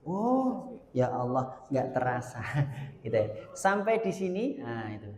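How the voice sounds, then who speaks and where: A man's voice: mid-range voice, big pitch swings, a little slow, a little mellow. A man teaching Quran reading in a seminar, drilling Arabic letter sounds aloud with casual joking asides. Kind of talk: seminar lecture with pronunciation drills. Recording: echoey hall with long reverb.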